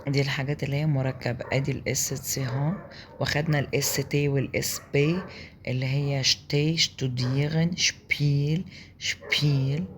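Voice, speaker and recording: An Egyptian-accented man walks learners through German letter combinations at an easy middle pitch. He repeats sounds patiently and keeps checking in with a quick question. A faint noise sits behind his voice. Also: steady tone. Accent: Egyptian Arabic. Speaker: German language teacher. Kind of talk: explaining pronunciation in a lesson.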